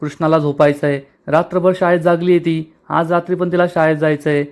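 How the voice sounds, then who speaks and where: Protective young husband hushing everyone, fast, narrator voicing him. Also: male voice, a little high, level tone, lightly acted. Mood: pleading, scolding. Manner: hushed, pleading.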